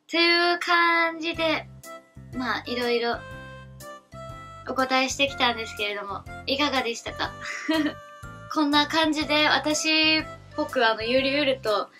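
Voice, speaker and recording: A young woman in her late teens speaks with a Kansai accent in a chatty, giggly, easygoing way. Her voice sits fairly high and rings bright and sharp. Soft music plays faintly behind her. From Kansai, Japan. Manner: chatty, giggly, relaxed and rambling. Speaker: newcomer voice actress, vlogger. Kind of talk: casual self-introduction vlog.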